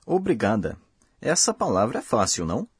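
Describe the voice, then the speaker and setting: A man with a husky, low-set voice reads a language lesson in a slow, careful, explanatory way. The sound is dry and close, with no room around it. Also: huge pitch swings, no room sound. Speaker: language course host. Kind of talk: scripted lesson narration.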